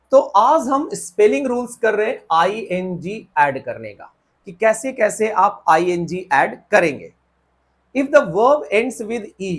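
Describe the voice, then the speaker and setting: A male Indian grammar teacher, husky and high-voiced, works through a lesson on the whiteboard. When he reaches English rules he reads them slowly and carefully; otherwise he spells out words letter by letter and keeps checking for understanding.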